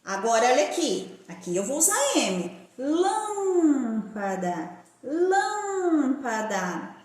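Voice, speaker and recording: A Brazilian woman teacher leads a primary school phonics lesson in a fairly high voice with big pitch swings. She speaks slowly, drawing out each syllable and spelling words letter by letter, and the room is echoey.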